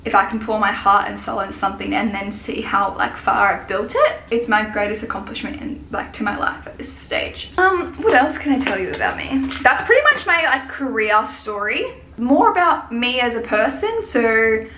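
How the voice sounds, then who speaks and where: A woman's voice: on the high side, animated, normal speed, bright, forceful tone. A woman in her twenties, a hairdresser and salon owner, chatting casually and rambling in a vlog. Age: 20s. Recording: echoey room with faint hiss.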